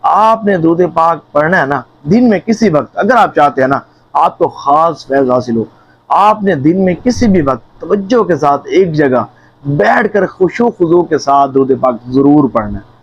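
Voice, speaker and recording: A man's voice: a little high, lively intonation, highs cut off. A man preaching earnestly to viewers as a religious speaker, repeating phrases for emphasis.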